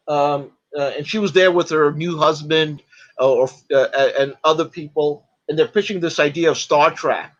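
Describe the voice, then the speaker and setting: A man chatting as a podcast guest, retelling stories in a halting way, full of fillers and restarts. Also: fairly high pitch, a bit bright, dull audio. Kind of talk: casual podcast chat.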